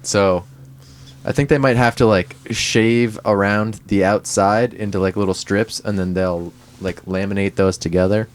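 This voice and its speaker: Low-voiced man chatting on a podcast. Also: steady tone, moderate pace. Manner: laughs often, explains things in a loose, wandering way. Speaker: podcast co-host. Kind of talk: casual chat. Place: parking lot near a van.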